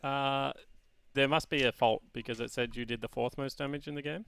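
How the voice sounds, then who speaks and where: A British man with a gravelly, fry-edged voice, chatting casually on a gaming stream. He teases his friends in a dry way. The sound is close and dry. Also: medium pitch, fairly even intonation, fairly quick, a bit bright, dry recording. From Britain. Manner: dry teasing. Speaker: stream co-host.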